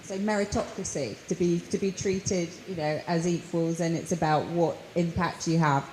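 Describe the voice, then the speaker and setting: A woman moderating a panel, her voice mellow and even-pitched. Her questions come across as encouraging. She is heard in an echoey room with faint ambience behind. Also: normal speed, a little hiss or hum. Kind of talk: panel discussion.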